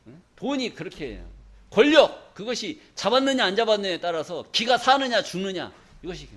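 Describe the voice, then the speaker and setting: A man's voice: sits high, very animated, fairly quick. A male pastor preaching a sermon in a church, emphatic and folksy, often asking the congregation questions for them to answer back. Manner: call-and-response questions to the congregation.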